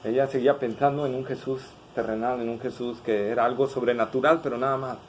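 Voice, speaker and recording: A man's voice: medium pitch, fairly even intonation, fast talker, slight background noise, rough recording. A pastor preaching a sermon, asking the congregation questions as he goes.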